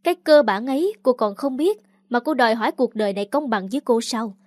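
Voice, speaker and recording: A scornful young man speaks in a cutting, contemptuous way, as a woman narrator reads him out. The voice sits a little high and sounds close and dry, with no room around it. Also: lively intonation, fairly quick, darkish tone, dry recording, natural voice.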